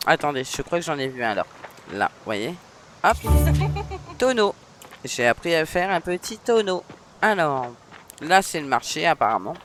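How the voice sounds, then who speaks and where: A man's voice: a little high, very animated, moderate pace, long pauses, fairly bright tone, soft background music. A man with a northern French accent giving casual, chatty let's-play commentary, with frequent hesitations. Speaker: gaming streamer.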